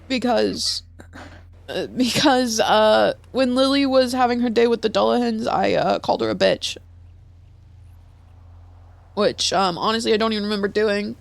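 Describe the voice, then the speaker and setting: A young woman with a gravelly edge in her voice, talking in character during a roleplay session. She tells her story in a rambling way and swears freely, pitched a little higher than most women, with a close, dry sound and no room around her. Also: normal speed, long pauses, no echo. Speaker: roleplay streamer.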